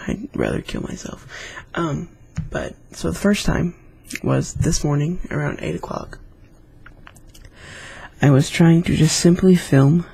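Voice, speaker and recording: Gravelly, husky man reading scary stories. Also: on the high side, warm tone. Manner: chatty, with rambling asides between readings. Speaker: YouTube storyteller.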